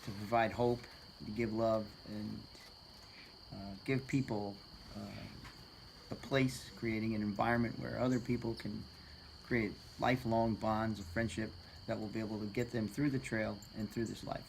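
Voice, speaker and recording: A man giving an earnest interview answer as a trail volunteer, with pauses and fillers. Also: fairly low pitch, little pitch movement, creaky, slight background noise, low-quality recording.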